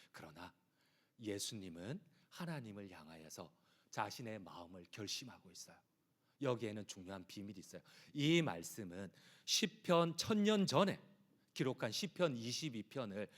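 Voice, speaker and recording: A man preaching a sermon as pastor, reading scripture slowly and moving between hushed and loud passionate appeals. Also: lowish voice. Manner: reads scripture slowly and emphatically.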